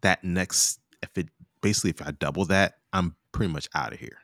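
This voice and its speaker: Man, late 30s, very low voice, gravelly, slangy and relaxed, casual scripture talk. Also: a little fast, no echo, studio quality. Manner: laid-back, laughs often, slangy. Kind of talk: casual Bible study chat.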